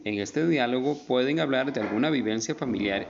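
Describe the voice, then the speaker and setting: A male teacher explaining spelling rules in a recorded lesson, stretching out and stressing each example word slowly and emphatically. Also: mid-range voice, gravelly, highs cut off, a little hiss or hum.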